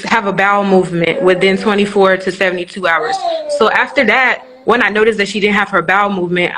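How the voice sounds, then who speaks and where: A woman's voice: mid-range voice, fairly bright tone, a little hiss or hum, low-quality recording. A woman in her twenties, from Nigeria, speaking candidly as a guest on a live-streamed interview, telling her story with many restarts and fillers. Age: 20s.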